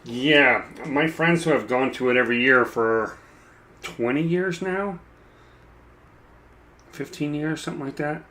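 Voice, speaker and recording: A man chatting casually while he paints a miniature, rambling and self-deprecating, with a dry, froggy throat that he keeps clearing. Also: fairly high pitch, a little slow, pauses often, bright, forceful tone. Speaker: mini painting streamer.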